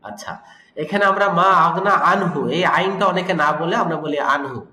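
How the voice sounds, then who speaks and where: Bright-voiced Quran recitation teacher, man. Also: high-pitched. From Bangladesh. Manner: corrective, repeats and draws out syllables slowly. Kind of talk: tajweed lesson with recitation demos. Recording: echoey room.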